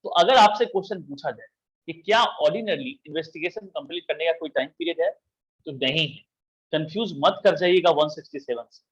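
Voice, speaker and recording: Male law teacher, high-pitched and husky, walks a classroom through procedure point by point. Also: brisk, lo-fi sound. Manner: explains step by step, asks and answers his own questions. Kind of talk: classroom lecture.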